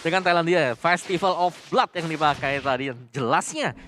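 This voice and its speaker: A man's voice: on the high side, moderate pace. A man with an Indonesian accent giving analytical live game commentary over slightly noisy broadcast audio. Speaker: esports caster, analyst.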